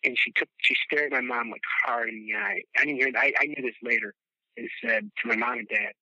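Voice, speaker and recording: Gravelly, bright-voiced rambling storyteller man. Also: on the high side, fairly quick, dry recording. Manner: rambling, animated, swears casually, laughs at own stories. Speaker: podcast guest, former child actor. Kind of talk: casual storytelling chat. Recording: dull, dry lo-fi sound.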